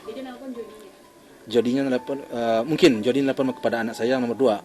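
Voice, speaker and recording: An older man, a grieving father, recounting in an interview in a halting way with many pauses and fillers. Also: mid-range voice, expressive, darkish tone. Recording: music bed under the voice.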